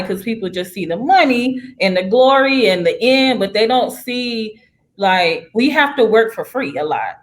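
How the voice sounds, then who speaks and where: A young woman realtor in a casual career interview, talking in an upbeat, chatty way and laughing often. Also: medium pitch. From United States.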